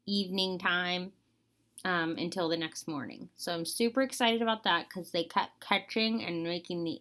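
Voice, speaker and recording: Bright, forceful young woman chatting casually. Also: lowish voice. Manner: candid, rambling, wry. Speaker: vlogger.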